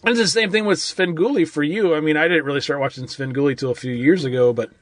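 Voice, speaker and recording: A man's voice: a little high, quick pace, dry recording. A man co-hosting a casual movie-review podcast, rambling and loose, with lots of "like" and "I mean". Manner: rambling, full of "like" and "I mean", restarts a lot. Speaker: podcast co-host.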